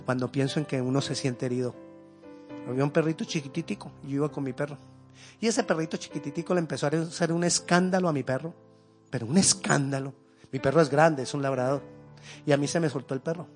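A man preaching a sermon, moving between loud fervent rises and hushed, intimate lows, sometimes slipping into a conversational story. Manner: tells a homely story in a conversational way.

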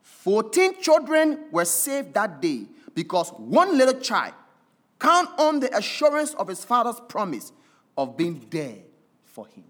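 Preacher, sermon story, slow and lively in pitch, dramatic pauses.

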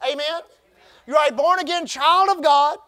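The preacher's voice is extremely high, bright and forceful as he leads his congregation in call-and-response. He draws out key phrases with emphasis and prompts the people to say words back.

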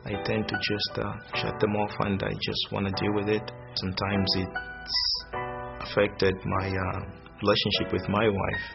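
Man from Zambia, testimony, very low flat gravelly voice, halting and reflective, dull sound over guitar. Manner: halting, reflective, many pauses and fillers. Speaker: church attender sharing testimony. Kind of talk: personal testimony interview. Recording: slightly dull sound with guitar music behind. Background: soft guitar music.

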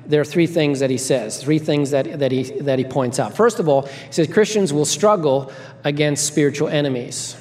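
A man's voice: a little high, moderate pace, a little mellow. Male preacher in a reverberant hall. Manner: conversational, repeats key phrases, checks in with "right?". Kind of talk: sermon to a congregation with children. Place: large reverberant room, live before a congregation.

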